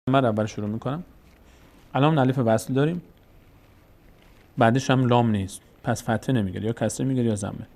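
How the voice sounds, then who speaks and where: A man teaching Quran reading step by step, patiently repeating each rule and slowly sounding out example words. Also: medium pitch. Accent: Persian-speaking, Tajikistan channel. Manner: patient, repeats rules, addresses viewers as dear ones. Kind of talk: step-by-step recitation lesson.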